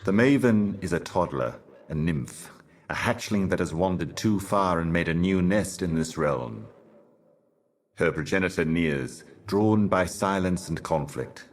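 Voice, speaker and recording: An actor playing a solemn otherworldly herald of cosmic horrors in a video game, speaking in an ominous, grandiose and cryptic theatrical manner. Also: male voice, low voice, unhurried. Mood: stern warning. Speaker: game character, messenger and guardian.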